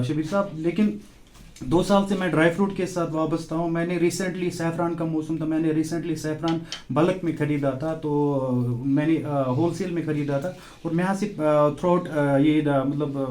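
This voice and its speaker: A young man, a shop owner giving a halting, urgent account in an outdoor news interview. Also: fairly high pitch, steady tone, a little mellow. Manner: halting, with many fillers, growing urgent. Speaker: shop owner telling of a fire. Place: outdoors beside a burnt shop.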